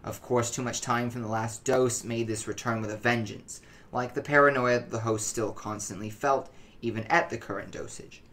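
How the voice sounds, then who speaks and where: A narrator plays a male researcher in a dark tale, setting down experiment notes. The delivery is formal, measured and clinical. He sounds detached and secretive, at a middling pitch. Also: fairly even intonation, lightly acted.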